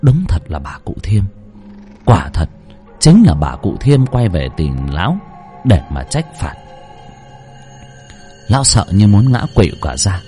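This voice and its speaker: A man's voice: low voice, sing-song, a little slow, pauses often, mellow, faint music behind. A man narrating a horror story in a dramatic, suspenseful way.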